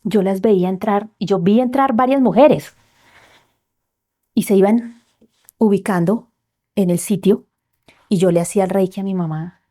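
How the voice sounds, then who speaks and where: On a podcast, a guest recounts a personal story in a heartfelt way, often dropping to soft near-whispers. She speaks at medium pitch and a moderate pace, leaving long pauses.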